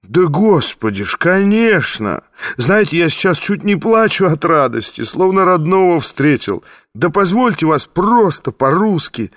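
Man playing a jolly old ex-cop, loud little exclamations, dry close mic. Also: a little high, sing-song, unhurried, dry recording, voice pushed up. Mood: hearty nostalgic. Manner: hearty, exclamatory. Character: former police officer, older man, jovial and nostalgic.

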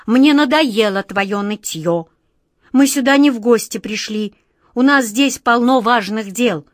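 A woman's voice: mid-range voice, animated, unhurried, no echo, studio quality. A woman voicing a young wizard who scolds and gives firm orders, for an audiobook. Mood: stern. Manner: stern, scolding, trying to sound firm. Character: young boy wizard, earnest and commanding. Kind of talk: audiobook reading.

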